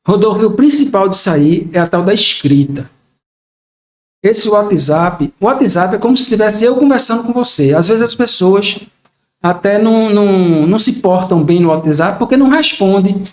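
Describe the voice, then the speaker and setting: A man's voice: high voice, lively intonation, moderate pace. Older man explaining in an echoey room. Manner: reflective, explains with acted-out examples. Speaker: podcast guest. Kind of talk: casual podcast conversation.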